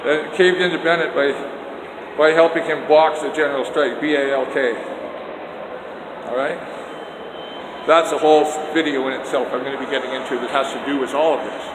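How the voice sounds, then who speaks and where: With a fairly high voice, fairly even intonation, and normal speed, an older Canadian man loudly and indignantly rambles on about politics in a vlog. He films himself with a handheld phone on a selfie stick, going from outdoors to indoor stairs and a hallway, and the echoey sound carries long reverb and noise.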